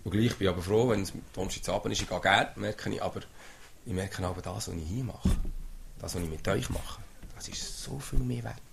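A man's voice: on the low side, fairly quick, creaky, noisy background. A man gives an informal sermon to a small group, talking in a conversational way and often asking "oder?". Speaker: lay preacher.

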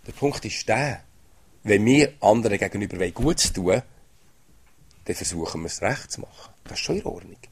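Lay preacher, low husky voice, chatty small-group sermon. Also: male voice, expressive, moderate pace. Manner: conversational, often asks "oder?".

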